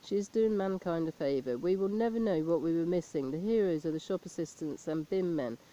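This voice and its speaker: A woman performing a deadpan comic monologue as a stand-up comedian, reeling off lists of jokes in a dry, flat delivery. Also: fairly low pitch, brisk, highs cut off. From abroad, not England. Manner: deadpan list-making delivery.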